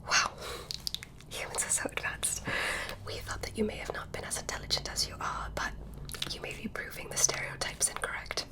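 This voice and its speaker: On a low-quality recording, a woman whose voice is close to everyday whispers into a close mic as a curious, polite alien doctor examining a human. This ASMR creator's medical roleplay uses a breathy, soft, slow whisper with gentle instructions, curious and soothing in mood.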